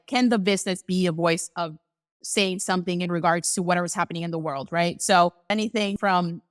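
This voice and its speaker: A woman from the Dominican Republic, a business co-owner, talking quickly and animatedly as an interview guest and often quoting herself. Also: lowish voice, no room sound. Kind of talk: casual conversational interview.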